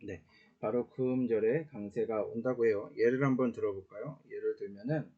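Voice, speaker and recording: A man teaching a casual online Latin grammar lesson, explaining slowly with many "uh" fillers and small self-corrections. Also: lowish voice, steady tone, mellow, breathy edge, muffled recording.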